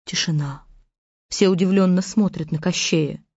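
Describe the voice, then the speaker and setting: Low-voiced woman telling a fairy tale. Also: normal speed, a little mellow, husky, no echo. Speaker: storyteller. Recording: dull lo-fi recording.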